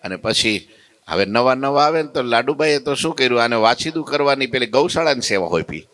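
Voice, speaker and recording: A man giving a devotional story sermon in a temple hall, his voice bright and ringing with a smooth, clean tone. He tells the tale with animated swings, acting out each character's lines as he goes. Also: fairly quick. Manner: animated storytelling, acts out dialogue with big pitch swings. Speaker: temple katha preacher.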